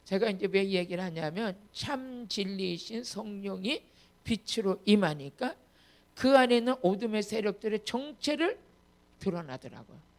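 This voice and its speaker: Woman pastor preaching hard, kinda gravelly voice, emphatic, gets loud on the big lines. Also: mid-range voice, animated, normal speed. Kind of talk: sermon with personal testimony.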